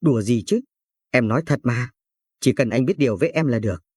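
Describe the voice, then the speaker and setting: A man's voice: medium pitch, expressive, brisk, darkish tone, breathy edge, no room sound, studio quality. A man voicing a rich, showy woman who coos and boasts. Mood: flirty. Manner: cooing, boastful.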